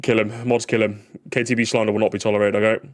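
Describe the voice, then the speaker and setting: A man's voice: on the low side, flat delivery, fast talker. A young man streaming in casual chat, rambling and joking with mock outrage at his chat. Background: music playing.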